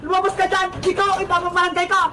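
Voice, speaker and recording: A voice actor doing shrill, hot-tempered cartoon mother. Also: monotone, rapid-fire, a little hiss or hum. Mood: scolding. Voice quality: very high-pitched, squeaky. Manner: shouting and scolding. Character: hot-tempered protective mother of a young girl. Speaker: neighborhood mother. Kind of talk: cartoon skit voice acting.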